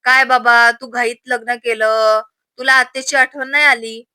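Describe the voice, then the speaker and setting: Woman narrator voicing a sharp-tongued scheming aunt, bright and dry. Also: fairly high pitch, steady tone, moderate pace, no room sound. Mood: teasing, bossy. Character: scheming older aunt, fond of her nephew.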